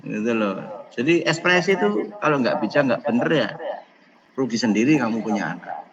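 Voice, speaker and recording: A man giving a casual online lecture, animated and acting out what parents say, slipping in phrases. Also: mid-range voice, normal speed, muffled recording, a crowd in the background. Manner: animated, mixes Javanese phrases, acts out parents. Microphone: video call.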